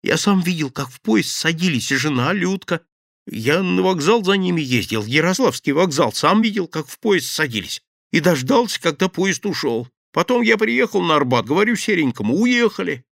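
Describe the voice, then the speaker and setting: A man voicing a terrified petty thief who babbles and begs in a high, gravelly voice. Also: big pitch swings, moderate pace, fairly bright tone, no room sound, clean studio sound, heavily acted. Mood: pleading. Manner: frantic, babbling, begging.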